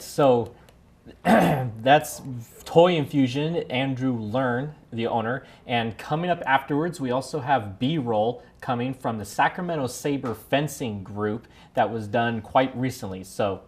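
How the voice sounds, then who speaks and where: A man's voice: mid-range voice, a little slow. A man co-hosting a casual talk show, steering the guest with brief prompts. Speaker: co-host.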